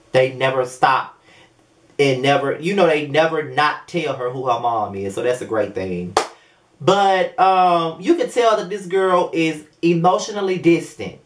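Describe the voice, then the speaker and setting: A man's voice: fairly high pitch, a bit bright. A man in his twenties giving a blunt, casual vlog review, swearing freely and rambling with many fillers and restarts. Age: 20s. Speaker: video reviewer. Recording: roomy echo.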